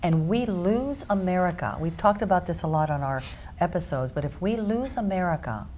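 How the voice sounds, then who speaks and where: Low, dark-voiced emphatic woman host. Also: animated, moderate pace, slight background noise. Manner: emphatic, stacks points in lists. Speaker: radio show host. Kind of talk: talk radio interview.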